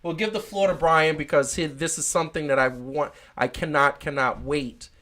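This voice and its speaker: A man's voice: a little high, fairly even intonation, moderate pace, pushed and bright. A man hosting a casual podcast, rambling with many fillers and restarts. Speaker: podcast host.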